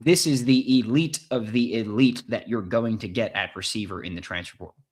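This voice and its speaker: A man hosting a live sports podcast, talking in an excitable, hype-driven way and repeating lines for emphasis. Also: lowish voice, fairly quick. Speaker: podcast host. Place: recording in England.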